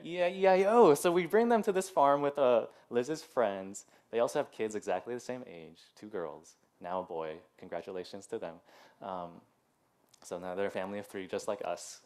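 A man's voice: mid-range voice, darkish tone. A man in his thirties giving a casual sermon as pastor in a church, chatty and full of "like" and "um", with laughing asides. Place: church sanctuary.

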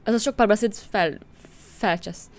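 A woman from Hungary hosting a gaming channel, reading through a story game and reacting bluntly, with swearing and combative jokes. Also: mid-range voice. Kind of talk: casual let's-play commentary.

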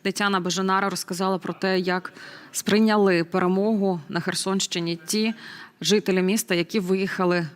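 A woman's voice: medium pitch, steady tone, normal speed. A woman news anchor reading a scripted studio introduction and handing over to a reporter.

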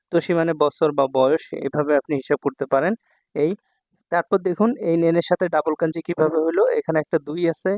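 A man from Bangladesh teaches Japanese kanji, speaking in a fairly high voice on a dry recording. He repeats words and frequently checks in with his students by asking "ঠিক আছে?"

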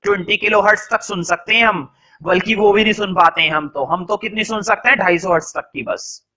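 A young man teaching a class, dictating notes slowly and repeating each phrase, mixing Hindi and English and answering his own questions. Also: high voice, sharp tone, low-quality recording.

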